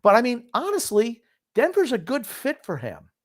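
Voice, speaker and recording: A man's voice: very high-pitched, huge pitch swings, moderate pace, no room sound, studio quality. A middle-aged or older man hosting a sports talk show, commenting casually and with firm opinions, reminiscing and repeating phrases for emphasis. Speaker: sports talk show host known as the grumpy old man.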